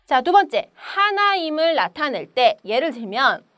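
A woman's voice: sits high, big pitch swings, a little slow, fairly bright tone, no room sound, clean studio sound. A woman teaching a patient online grammar lesson, asking questions and answering them herself step by step. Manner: patient, explains step by step, asks and answers her own questions.

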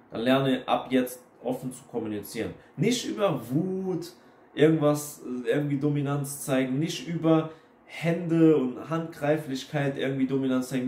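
A man's voice: mid-range voice, darkish tone, slight background noise. Blunt young man lecturing in an echoey room. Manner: blunt, repetitive, lecturing, drops into English phrases. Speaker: self-help video host. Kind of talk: casual monologue to camera.

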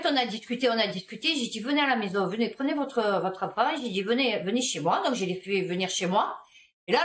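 Chatty woman in an echoey room. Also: mid-range voice. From Marseille. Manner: chatty, slangy, reacts aloud while reading. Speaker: host reading local news. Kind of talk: casual commentary on news items.

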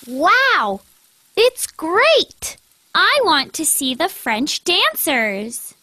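A woman voicing a cheerful young friend in a scripted textbook dialogue, bright and upbeat. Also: very high voice, huge pitch swings, drawn-out words, dry recording, exaggerated voice.

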